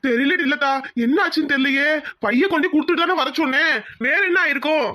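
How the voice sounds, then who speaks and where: A woman voicing a calm village husband in a cartoon who reassures his worried wife. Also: sits high. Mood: reassuring. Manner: soothing, brisk.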